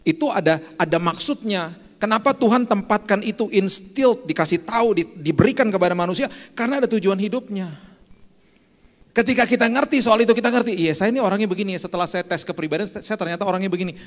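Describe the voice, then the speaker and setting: A man's voice: high voice, quick pace. A man preaching in a church, casual, slangy and joking. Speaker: pastor. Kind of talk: sermon. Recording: long church hall reverb.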